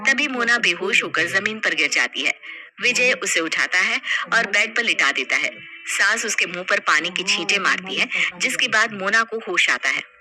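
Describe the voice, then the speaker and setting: A woman narrating a family story in a calm, even storytelling manner. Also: mid-range voice, normal speed, soft background music, rough recording. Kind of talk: scripted narration.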